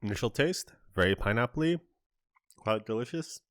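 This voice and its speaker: A man's voice: medium pitch, expressive, normal speed, fairly bright tone, no echo, studio quality. A man hosting a casual on-camera candy review, chatty and describing each flavor in detail with small asides. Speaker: candy reviewer, channel host.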